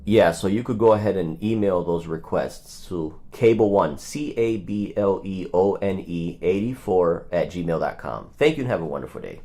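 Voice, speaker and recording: Speaking at normal speed with few pauses, this host of a live call audit has a deep, warm voice. He is insistent and direct as he places phone requests and gives casual livestream commentary to viewers.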